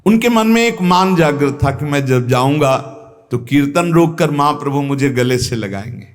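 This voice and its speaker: A man gives a devotional sermon in a North Indian Hindi accent. His earnest, emphatic voice sits somewhat high, and he repeats key phrases for weight. A long hall reverb follows every line. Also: lively intonation, moderate pace. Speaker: spiritual teacher giving satsang. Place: ashram hall.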